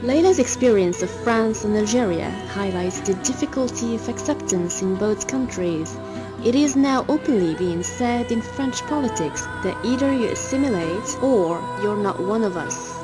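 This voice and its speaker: Female documentary narrator, measured scripted read, music bed behind. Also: a little high, expressive. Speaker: documentary presenter.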